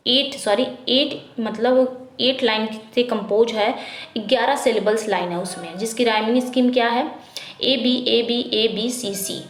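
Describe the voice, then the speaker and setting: Woman teacher going over exam questions, slow reading then fast explaining, kinda high voice, echoey room. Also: slight background noise. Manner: reads English questions slowly, explains quickly in Hindi; repetitive drilling, asks then answers herself. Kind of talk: Hindi-English exam prep lesson.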